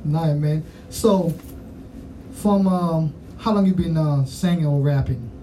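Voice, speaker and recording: Mellow and a little slow, this slightly high male voice belongs to a Haitian-accented interviewer chatting with musicians. The talk rambles casually, full of "you know what I'm saying," caught on a distant mic in a rough recording with faint background noise.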